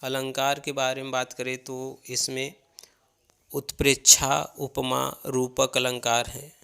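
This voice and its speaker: A man teaches a poetry lesson at an unhurried pace. His voice has a gravelly edge and a bright, forceful tone. He reads each verse aloud and then explains it line by line. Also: medium pitch, completely flat delivery. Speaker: Hindi literature teacher.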